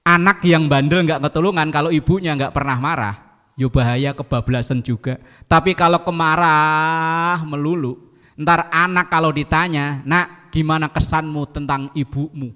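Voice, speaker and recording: A man's voice: fairly high pitch, normal speed, clear, resonant tone, long reverb tail. A man giving a sermon to a congregation, telling jokey stories and acting out quotes. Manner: lively, jokey storytelling with acted quotes. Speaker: preacher.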